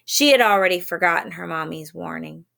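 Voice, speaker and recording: A woman reading a children's story aloud in a gentle way, pausing to explain words for young listeners. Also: lowish voice, gravelly.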